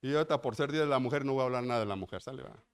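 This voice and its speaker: A man's voice: mid-range voice, rapid-fire, clear, resonant tone. A man with a Mexican accent preaching a sermon, emphatic and full of rhetorical questions to the congregation. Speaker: pastor.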